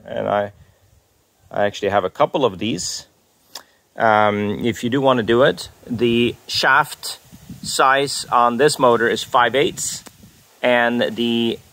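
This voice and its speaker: A man with a gravelly, mid-pitched voice walks through a home project he built. He rambles and corrects himself as he talks outdoors into a handheld phone. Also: a bit bright. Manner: rambling, self-correcting, plain-spoken. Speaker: DIY video maker. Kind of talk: casual how-to walkthrough. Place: outdoors on a paver driveway.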